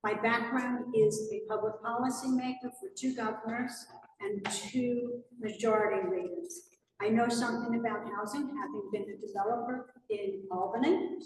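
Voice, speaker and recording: An older woman, a former public policy maker, speaking firmly and in a measured, slightly lecturing way during public comment at a town meeting. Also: fairly high pitch, fairly even intonation, a little mellow, a little hiss or hum. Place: fire department meeting hall. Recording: echoey hall from a distant mic.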